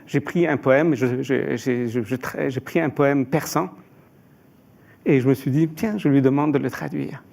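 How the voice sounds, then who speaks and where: Gravelly, hesitant man from Iran. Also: mid-range voice, unhurried, darkish tone. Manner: hesitant, frequent filler sounds and restarts. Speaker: expert panelist. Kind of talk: panel discussion answer.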